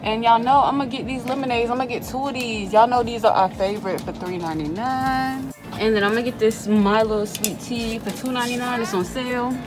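A woman's voice: on the high side, fairly quick, over music, rough recording. A woman hosting a casual shopping vlog, chatting and teasing while talking straight to her viewers. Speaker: vlog host, mother.

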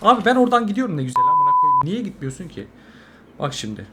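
A young man, a mobile game streamer, giving live gameplay commentary, swearing constantly and swinging from angry yelling to low muttering. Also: huge pitch swings, fast. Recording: noisy game audio behind.

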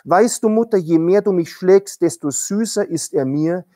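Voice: mid-range voice, normal speed, warm tone, dry recording, clean studio sound, lightly acted. A preacher voicing a joyful young believer praying. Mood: content.

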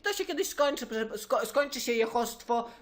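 A man's voice: extremely high pitch, lively intonation, normal speed, a bit bright. A man voicing a hot-tempered young male churchgoer in a prank phone call, ranting and repeating the same phrase of address.

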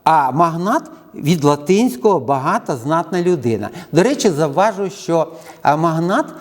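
A man's voice: on the high side, sing-song, moderate pace. A man giving an educational lecture, speaking unscripted with frequent hesitations and filler sounds. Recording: long hall reverb.

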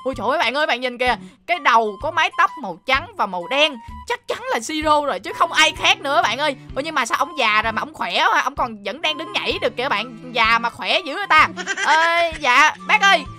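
A woman hosts a game role-play and talks straight to the viewers. She chats excitably and piles on exclamations. Her voice is high, fast and bright. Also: faint music behind. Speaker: host.

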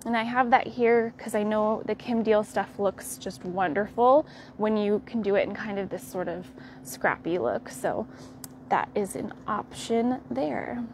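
A young woman with an American accent hosting a live tour of a quilt fabric shop, walking the aisles and showing products in a friendly, unhurried way. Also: mid-range voice, a little mellow, a little hiss or hum. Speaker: quilt shop staff host.

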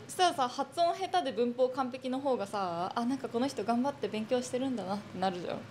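A woman's voice: a little high, racing, slight background noise. A young woman, a native Japanese speaker, chatting playfully and casually. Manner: lively, playful, giggly. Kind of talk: casual chat.

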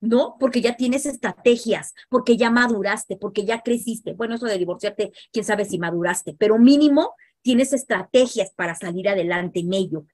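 A woman's voice: mid-range voice, moderate pace, hardly any pauses, no room sound. A middle-aged woman with a Mexican accent, speaking as a psychologist guest in an interview, animatedly explaining to parents. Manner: animated, acts out parents and teens in quoted asides.

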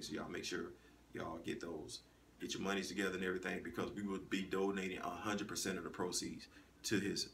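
In his thirties, this man hosts a laid-back recap of a flag football league, speaking with emphasis and alternating between loud call-outs and quiet asides, with some vocal fry. He's in a small indoor room before a wall poster, recorded on a phone camera held at arm's length. The phone audio sounds slightly distant, with a faint hum.

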